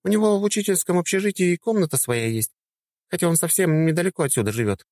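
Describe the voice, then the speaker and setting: Man doing a bright young woman, high and lively, teasing and upbeat, dry close sound. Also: quick pace, no echo. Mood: cheerful.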